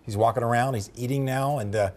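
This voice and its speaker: A man in his fifties, a local news reporter, narrating a story and then chatting in the studio in a measured, clear way. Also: mid-range voice, a little mellow.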